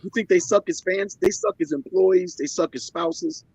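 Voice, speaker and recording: Male podcast guest, blunt, husky, lively intonation, dull lo-fi recording. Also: sits high, normal speed, no room sound. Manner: blunt, opinionated. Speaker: podcast co-host. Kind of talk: casual sports podcast chat. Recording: dull lo-fi dry sound.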